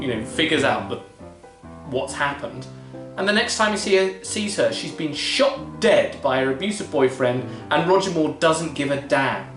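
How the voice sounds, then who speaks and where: In an echoey room, a man with a somewhat high voice co-hosts a casual film podcast. He's wry and conversational, quoting lines from the movie as he goes.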